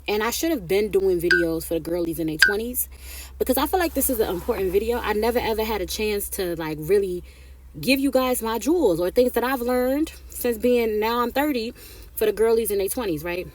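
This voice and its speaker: A woman in her thirties gives brisk, chatty life advice to the camera, with lively intonation in a mid-range voice. She tends to repeat points and add "right?" or "okay?", and there's a slight hiss or hum.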